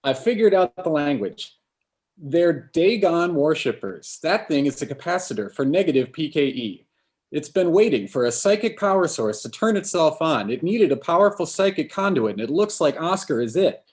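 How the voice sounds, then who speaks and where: A man reading the part of a brainy scientist ghost hunter in a live script reading, measured and explanatory. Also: a little high, big pitch swings, a little mellow.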